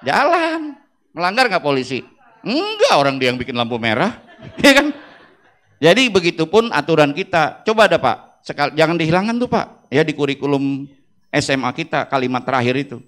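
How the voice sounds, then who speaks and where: Male principal, middle-aged; high, animated workshop speaker who keeps acting out teachers' lines. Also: moderate pace. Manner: lively, joking, acts out quoted teachers. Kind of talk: humorous workshop talk to teachers. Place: auditorium with audience.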